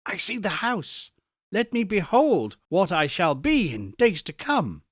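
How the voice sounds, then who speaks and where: A male reader puts on a terrified old miser whose voice climbs high and swings widely as he pleads. He drags each word out slowly and earnestly. The sound is dry and close, with no room around it. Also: wildly swooping pitch, fairly bright tone, no room sound, full character voice. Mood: solemn pleading. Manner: earnest, beseeching delivery. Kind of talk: audiobook character voice.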